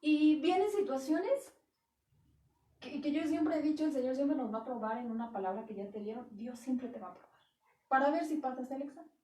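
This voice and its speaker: A woman's voice: high-pitched, moderate pace, warm tone. A woman pastor preaching a sermon in earnest, emphatic tones, quoting scripture as she teaches. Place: church. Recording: echoey church hall, heard from a distance.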